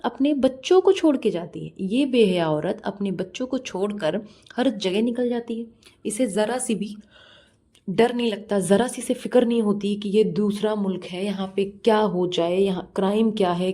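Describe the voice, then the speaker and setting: A woman's voice: medium pitch, warm tone. Scornful woman reaction vlogger. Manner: scornful, mocking, scolding. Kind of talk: reaction vlog commentary.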